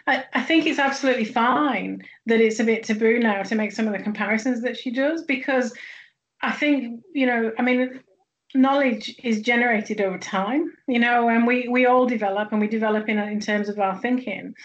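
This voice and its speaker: A Northern-accented woman from northwest England, appearing as a guest sociologist in an academic interview, speaks thoughtfully at normal speed in a slightly high voice, with frequent fillers and restarts. The recording's high frequencies are cut off.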